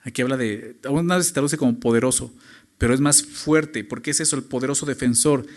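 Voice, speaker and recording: A man preaching a sermon as pastor, stressing points with rhetorical questions and moving between loud emphasis and quiet low phrases. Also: a little fast.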